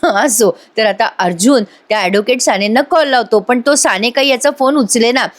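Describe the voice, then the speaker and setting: A woman's voice: fairly high pitch, moderate pace. A woman giving a chatty voice-over recap of a TV serial episode, speaking straight to her viewers. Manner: chatty, addresses viewers directly. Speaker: TV serial reviewer.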